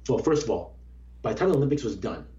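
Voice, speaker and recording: A man's voice: mid-range voice, lively intonation, fast, dark tone. A young man, a former Olympic runner, talking earnestly and reflectively in a casual interview, often restarting his sentences. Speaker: former Olympic track athlete, guest. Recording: dull lo-fi sound.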